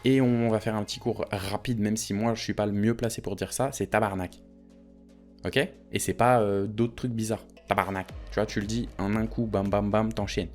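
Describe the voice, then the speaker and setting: A man's voice: lowish voice, steady tone, a little fast, few pauses, darkish tone, faint music behind. A young man from France with a French accent, talking casually and jokingly to his viewers in a vlog. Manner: joking, chatty, addresses viewers as tu. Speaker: vlogger. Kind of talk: casual direct-to-camera vlog.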